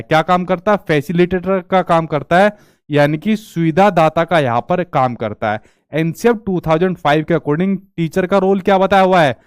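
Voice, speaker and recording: Male tutor, lecture delivery, quizzes and answers himself, clear resonant voice, slightly high. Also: no room sound, clean studio sound. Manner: repeats questions to the class and answers them himself. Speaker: teacher. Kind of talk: online exam-prep lecture.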